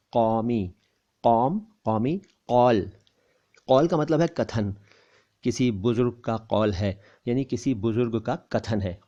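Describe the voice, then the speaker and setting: Guy teaching how to say words, mellow low-key voice, kinda muffled audio, says everything twice slow. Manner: repeats each word slowly, contrasting pronunciations. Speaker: language teacher. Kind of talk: pronunciation lesson.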